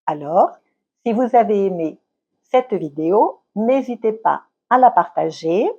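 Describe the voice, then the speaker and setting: A woman teaching in a slow, carefully enunciated lesson. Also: medium pitch, lively intonation, mellow, lo-fi sound. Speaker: French teacher.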